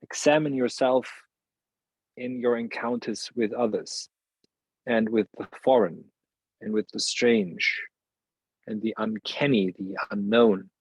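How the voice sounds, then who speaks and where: Husky guy thinking out loud, lots of restarts, dead dry sound. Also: mid-range voice, no room sound, rough recording. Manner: searching, halting phrasing with many restarts and laughs. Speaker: podcast guest, philosopher. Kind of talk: reflective interview conversation.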